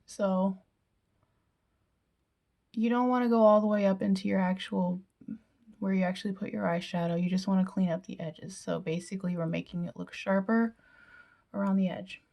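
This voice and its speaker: A woman's voice: medium pitch, fairly even intonation, normal speed, creaky, long pauses, warm tone. A young woman chatting casually through a makeup tutorial, with self-deprecating asides that sometimes drop to a whisper. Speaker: beauty vlogger.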